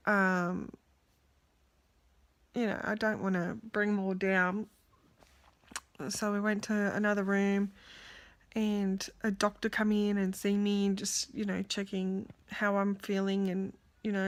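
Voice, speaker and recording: A young adult woman, talking candidly and tiredly in a casual video diary, exhausted and emotional. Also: mid-range voice. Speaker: vlogger.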